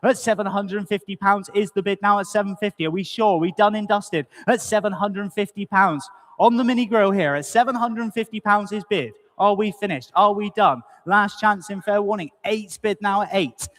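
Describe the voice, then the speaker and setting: A man auctioneering at a live sale, rattling off bids over and over with brisk, joking patter. His voice sits high for a man, and long reverb from the big hall trails behind each call. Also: fairly bright tone. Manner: rapid repetitive bid calling, brisk and jokey. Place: auction room.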